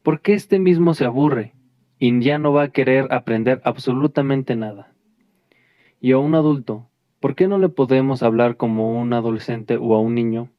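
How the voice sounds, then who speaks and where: A man's voice: medium pitch, normal speed, no room sound. A man presenting a lesson, talking straight to his listeners and often restarting and correcting himself. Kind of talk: lesson addressing a class. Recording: dull lo-fi dry recording.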